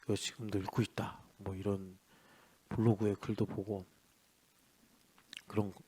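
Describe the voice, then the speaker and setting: A male pastor preaching an early-morning sermon in a chatty way, asking rhetorical questions and swinging between loud and soft. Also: on the low side, level tone, a little slow, husky. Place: church.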